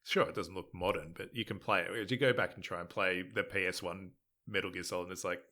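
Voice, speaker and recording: Male podcast co-host, low pitch, bright forceful tone, wry and joking. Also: fairly even intonation, quick pace. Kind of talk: casual chat.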